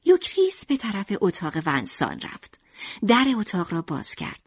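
A woman narrating an audiobook in an expressive storytelling manner. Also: medium pitch, breathy edge, dry recording, muffled recording.

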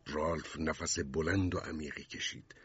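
A man narrating a story in a measured, husky voice. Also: very deep voice, steady tone, a bit bright, dull audio. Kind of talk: scripted narration.

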